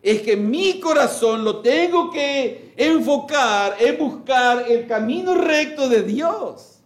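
A pastor preaching a sermon slowly and emphatically, with pauses, reading scripture aloud. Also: male voice, extremely high pitch, animated.

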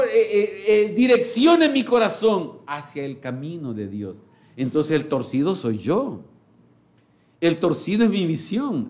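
Hombre predicando despacio y con énfasis. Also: male voice, high voice, darkish tone. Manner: slow, emphatic preaching with pauses, reading scripture aloud. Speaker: pastor. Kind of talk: sermon.

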